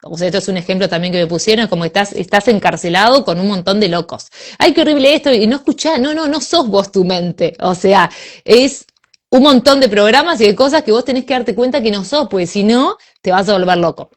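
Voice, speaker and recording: A woman with a Rioplatense Spanish accent in a casual spiritual conversation, animated and acting out inner voices with sighs. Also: mid-range voice, a little fast.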